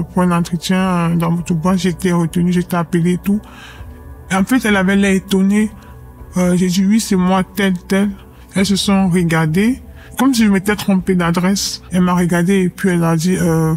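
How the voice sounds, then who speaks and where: A young woman from Cameroon, giving a measured, reflective personal testimony with hesitant pauses. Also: on the low side, darkish tone. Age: young adult. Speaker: anonymous witness.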